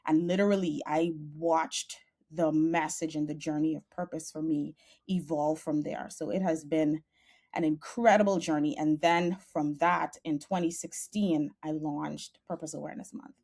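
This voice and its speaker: Bahamian woman, young adult, low voice, earnest and passionate guest on a video call. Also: fairly even intonation, moderate pace, a little mellow, husky. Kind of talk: podcast interview.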